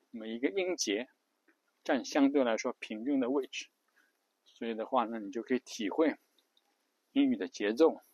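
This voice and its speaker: A man's voice: mid-range voice, a little mellow, slightly rough, no echo. A man hosting an English-learning channel, explaining a study method in a casual spoken lesson, hesitant and full of restarts and fillers. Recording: muffled, lo-fi dry recording.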